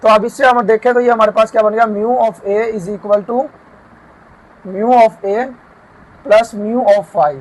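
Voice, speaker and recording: A man teaching math, walking through a proof and slowing down to dictate each formula term by term. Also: high voice, fairly even intonation, poor audio. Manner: often checks in with "theek hai". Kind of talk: lecture explaining a proof.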